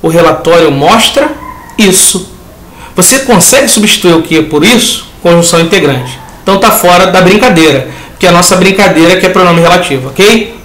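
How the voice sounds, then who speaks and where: A man's voice: high-pitched, a little fast, fairly bright tone, echoey room. A man with a Brazilian Portuguese accent teaching a lesson that reviews exam answers, talking the class through each step and acting out students' questions.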